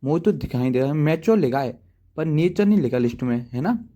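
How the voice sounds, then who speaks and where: Writing in a notebook at home, this coding teacher explains programming one step at a time, casually and chattily, frequently checking on his viewers and poking fun at himself. The man's slightly high voice has a dark, mellow quality, lively intonation, and a somewhat quick pace. "ठीक है दोस्तों" comes up again and again.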